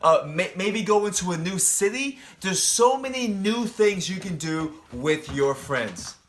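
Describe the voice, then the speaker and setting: Expressive and high-pitched, a male teacher keeps a measured pace while reading a picture book to young kids. He chats with them along the way and puts questions straight to them.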